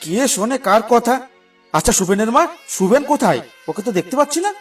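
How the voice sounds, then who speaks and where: A man's voice: very high-pitched, expressive, fairly quick, husky, distant mic, soft background music, full character voice. A man voicing an anxious village father in a cartoon, stammering and fretful.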